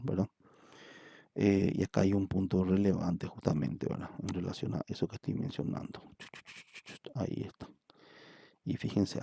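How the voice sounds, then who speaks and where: Man, professor, lecture, very dark tone, dry close sound, patient, repetitive. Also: lowish voice, creaky, dry recording. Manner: patient, repeats words and asks "¿verdad?" often. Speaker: psychometry professor. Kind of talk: recorded statistics lecture.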